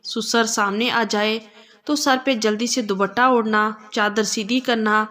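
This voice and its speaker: Woman narrating a story, fairly high voice. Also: steady tone, a bit bright.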